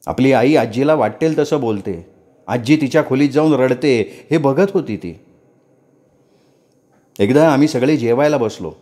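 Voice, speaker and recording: A man reading a story aloud in an expressive first-person narration. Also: mid-range voice, unhurried, long pauses.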